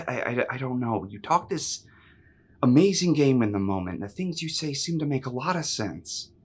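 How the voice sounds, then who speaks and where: A man's voice: mid-range voice, husky. An actor playing a burnt-out, cynical crisis hotline counselor, defiant and crude as he pushes back at a caller. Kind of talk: film drama acting.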